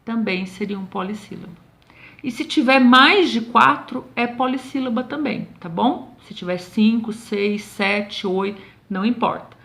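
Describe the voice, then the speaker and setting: Slow, patient Brazilian teacher woman. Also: a little high, vocal fry, fairly bright tone. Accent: Brazilian Portuguese. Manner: patient, slow and drawn out, checks in constantly with "tá bom?". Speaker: schoolteacher. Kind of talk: recorded remote lesson correcting homework.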